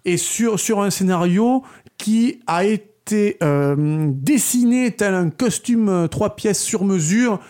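A man co-hosting a casual film review, talking with many hesitant filler pauses. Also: high-pitched, expressive, a little mellow.

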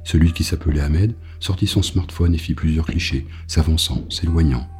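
A man reading a novel aloud as an audiobook narrator, in a grave, measured way. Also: very deep voice, a little mellow, faint music behind.

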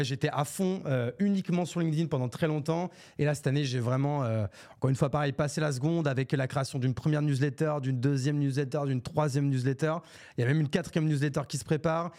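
A man's voice: a little high, darkish tone. Male podcast host, 30s, talking alone into a podcast mic, loose and rambling, peppered with English buzzwords. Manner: rambling, many fillers and restarts; casual, mixes English business slang. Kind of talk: solo unscripted podcast talk. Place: Bordeaux, France. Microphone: podcast microphone.

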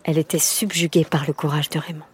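A woman reading a children's storybook aloud in a measured, expressive way. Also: low-pitched, slight background noise. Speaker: narrator. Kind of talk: storybook narration.

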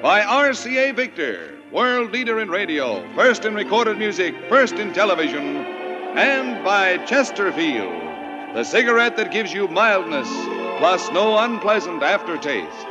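A man's voice: high voice, big pitch swings, measured pace. An American man in the manner of an old radio announcer, formally and grandly reading a scripted show introduction on a vintage broadcast. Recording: vintage 1950s radio broadcast, muffled, over music. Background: loud music.

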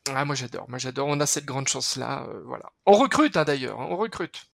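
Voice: medium pitch, fairly quick, vocal fry, a bit bright, no room sound. A podcast guest explaining skincare research in an enthusiastic, chatty way, full of fillers and restarts.

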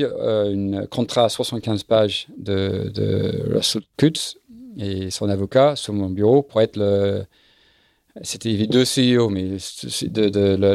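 A middle-aged man with a low, gravelly voice, speaking in a halting way as he hunts for words and repeats himself. He talks as a guest in a casual interview, recorded dry and close with no room sound. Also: a little mellow, no echo. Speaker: guest, sailing event business founder.

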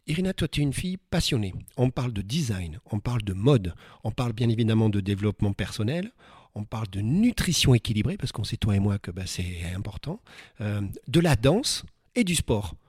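A man's voice: on the low side, very animated, brisk, a little mellow, breathy edge, dry recording, studio quality. A man hosting an interview, enthusiastic and encouraging, asking his guest about her path. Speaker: interview host. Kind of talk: conversational interview.

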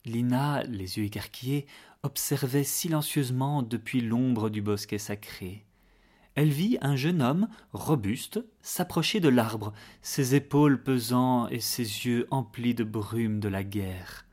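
Slow, gentle male storyteller. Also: mid-range voice. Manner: gentle, measured, hushed at moments. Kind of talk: scripted fairy-tale narration.

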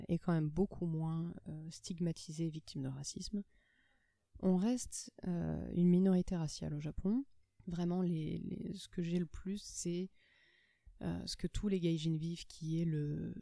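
A woman from France chatting casually as a podcast host, telling stories in a lively way and acting out the people in them. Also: low voice, gravelly, no echo. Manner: lively storytelling, acts out the people in her stories. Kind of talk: casual conversation.

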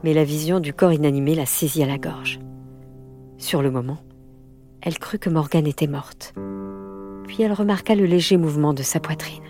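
A woman reads a children's novel in a fairly low, measured voice, expressive without rushing. Soft music plays faintly behind her. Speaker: audiobook narrator. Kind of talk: scripted storybook narration.

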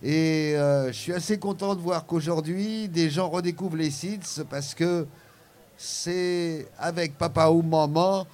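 An older man recounting his memories as an interview guest. His voice sits fairly high and he tells his stories animatedly, often pausing on hesitations before rushing on. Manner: animated storyteller, many fillers. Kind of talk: anecdotal interview storytelling.

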